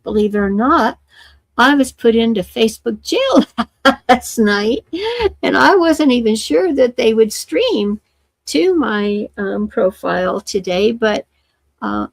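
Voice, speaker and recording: Older woman, live-stream host, slow and halting delivery, gravelly, dry close sound. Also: on the high side, no echo. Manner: halting, many fillers and restarts. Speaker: livestream host. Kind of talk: casual live-stream update.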